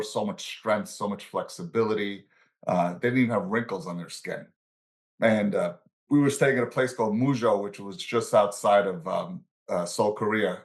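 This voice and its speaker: A man in his sixties, born in Italy and raised in the Bronx, relaxed as he tells stories from his life as an interview guest. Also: lowish voice. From born in Italy, raised in the Bronx, New York. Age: 60s. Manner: relaxed storyteller, chuckles between anecdotes. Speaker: guest, financial services professional and coach. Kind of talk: casual interview storytelling.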